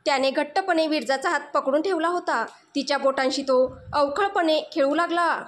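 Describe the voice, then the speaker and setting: A woman narrating a romantic story in an emotional, expressive way. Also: high-pitched.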